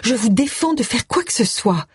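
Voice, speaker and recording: A woman voicing a gentle, earnest vicar's wife who speaks insistently. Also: on the high side, animated, normal speed, breathy edge, no room sound, clean studio sound, voice pushed up.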